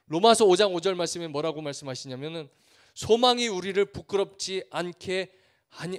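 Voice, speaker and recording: A Korean missionary with a voice pitched high for a man delivers a sermon full of stories. He is earnest, builds momentum through repeated phrases, and takes on the voices of villagers as he tells his tales.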